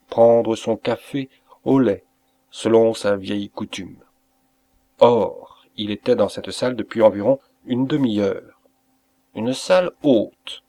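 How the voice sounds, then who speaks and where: A man narrating a literary story as an audiobook reader, with a measured, expressive delivery. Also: mid-range voice. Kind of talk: scripted narration.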